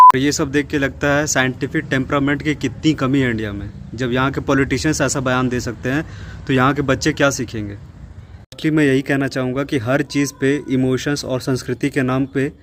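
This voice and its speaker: A man's voice: mid-range voice, fairly even intonation, moderate pace, fairly bright tone, a little hiss or hum. A man hosting an explainer video, debunking a claim in a critical, lecturing tone with a sarcastic edge. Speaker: fact-check host. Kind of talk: explainer commentary.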